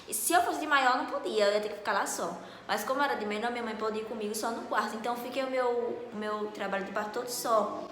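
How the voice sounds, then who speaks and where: A young woman, casually telling a story to camera in an animated, dramatic way. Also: on the high side, fast talker, slight background noise. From Northeast Brazil. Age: late teens. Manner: animated, dramatic, acts out dialogue loudly. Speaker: vlogger. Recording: echoey room with long reverb.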